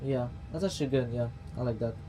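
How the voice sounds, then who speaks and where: A man's voice: mid-range voice, fast talker, background noise. A man streaming a flight simulator, casually thinking aloud and muttering to himself as he works through procedures.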